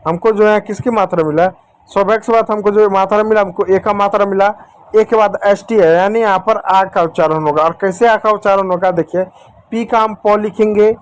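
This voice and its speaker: A man's voice: sits high, steady tone, fairly quick, clear, resonant tone, no room sound. A man teaching a spelling lesson at a whiteboard, patient and repetitive, talking to viewers as children and friends. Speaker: English teacher.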